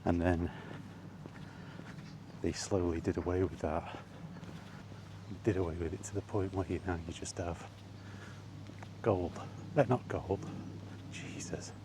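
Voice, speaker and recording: In a steady, low-pitched voice, a British man speaks slowly and pauses often as he walks through a park. It's a loose vlogger monologue, hesitant and a little grumbling, recorded amid outdoor noise.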